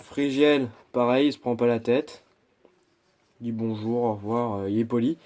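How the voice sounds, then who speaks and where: A man talks his way through an unboxing in a relaxed, rambling way. He keeps stopping, restarting and adding little asides. His voice has a soft, mellow tone. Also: mid-range voice, normal speed. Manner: chatty, hesitant, full of restarts and asides. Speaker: YouTuber. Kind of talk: casual unboxing chat.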